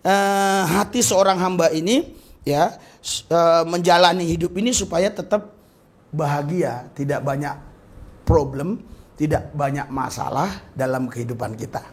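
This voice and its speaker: High-voiced preaching man, swinging emphasis. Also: measured pace. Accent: Indonesian. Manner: preaching with sudden jumps in pitch and loudness, acting out quoted speakers. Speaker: pastor. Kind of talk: sermon.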